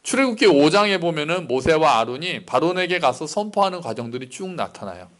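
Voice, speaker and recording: A man's voice: a little high, sing-song, fairly quick, a bit bright. A male pastor giving a sermon in a conversational, explanatory way, often asking rhetorical questions.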